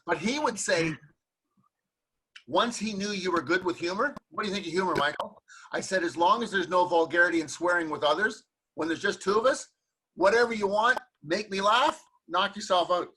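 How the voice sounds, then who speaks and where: High, husky-voiced man hosting. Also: normal speed, sharp tone, poor audio. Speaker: interview host. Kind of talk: conversational interview.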